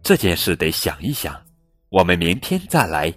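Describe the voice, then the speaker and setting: A man voicing a calm, kindly patchwork elephant who speaks gently and evenly. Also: low-pitched, moderate pace, faint music behind, exaggerated voice.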